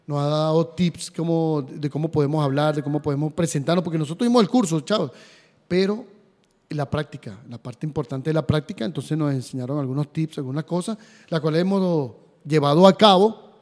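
A man's voice: on the high side, a little fast, darkish tone. A man co-hosting a sports podcast in casual, chatty and upbeat conversation. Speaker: podcast co-host. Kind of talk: casual chat. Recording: reverberant room.

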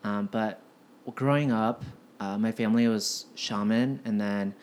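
A man's voice: lowish voice, steady tone, unhurried, darkish tone, a little hiss or hum. A man in his twenties from the United States, a guest in a casual podcast conversation, talking hesitantly with many "um" and "like" fillers. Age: 20s.

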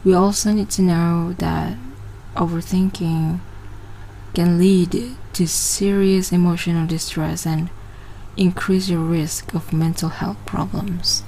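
A woman's voice: fairly low pitch, little pitch movement, slow pace, creaky, mellow, a little hiss or hum, low-quality recording. A woman in her twenties from Malaysia, hosting a casual personal podcast and often hesitating and restarting her phrases. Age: 20s. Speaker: podcast host.

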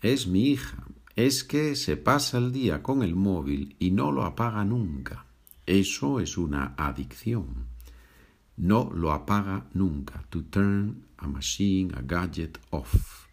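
A low, gravelly male voice with a husky edge takes a podcast lesson from his home. He speaks slowly and repeats each phrase before switching to English to explain it. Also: expressive. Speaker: language teacher.

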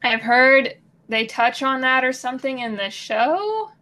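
A young Midwestern woman co-hosts a casual podcast, answering bluntly with a dry, sarcastic edge. Her voice sits slightly high. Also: lively intonation, a little slow, sharp tone. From Missouri. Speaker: podcast co-host. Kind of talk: casual chat.

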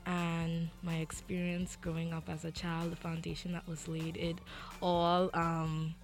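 Young Bahamian woman, low-voiced, earnest. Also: completely flat delivery, unhurried. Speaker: guest singer. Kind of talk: interview answers. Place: radio studio.

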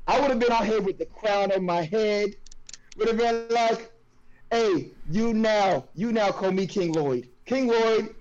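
A man's voice: high-pitched, a little mellow. A man in casual trash-talk chat, heard through fuzzy, distorted audio from his phone, talking with stammered restarts. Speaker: fantasy football league member. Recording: dull lo-fi phone sound.

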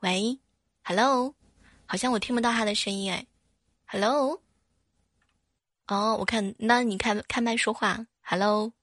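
A woman's voice: fairly high pitch, unhurried, pauses often, a bit bright. A woman hosting a live stream, bubbly and chatty, laughing often. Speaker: livestream host.

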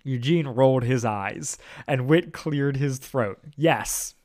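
A man's voice: medium pitch, slow, darkish tone. A man co-hosting a podcast, reading fan fiction aloud with playful, giggly asides. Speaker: podcast co-host. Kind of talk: reading fanfic aloud with banter.

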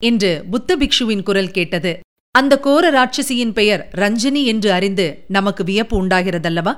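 A woman reading an audiobook in a measured, dramatic narrating manner, with rhetorical questions. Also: mid-range voice, clear, resonant tone.

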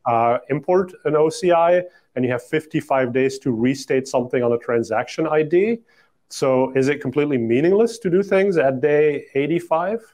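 A man hosting a casual podcast interview, asking curious questions quickly with plenty of fillers. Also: on the high side, a little mellow. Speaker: podcast host.

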